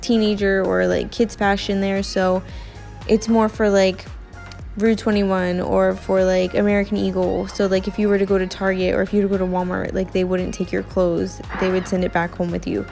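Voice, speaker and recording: A woman's voice: mid-range voice, gravelly, darkish tone. A young woman chatting casually as she narrates her home cleaning video, with lots of filler words. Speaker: cleaning vlogger.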